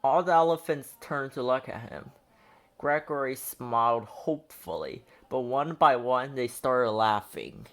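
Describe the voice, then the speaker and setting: Reading from a children's picture book, a storyteller with a mid-range voice delivers each line deliberately and with plenty of expression.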